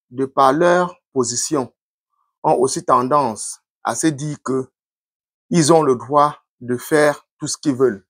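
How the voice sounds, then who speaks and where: A man giving earnest, measured commentary to his viewers in a casual vlog. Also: mid-range voice, breathy edge, no room sound, clean studio sound.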